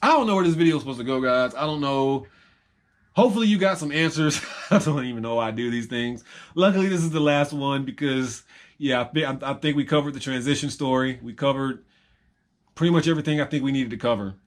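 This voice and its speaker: Young man, rambling vlog monologue, reflective, repeats himself, mid-pitched voice. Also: fast. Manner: rambling, reflective, with filler ums; repeats phrases for emphasis. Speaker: vlogger. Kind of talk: unscripted personal monologue.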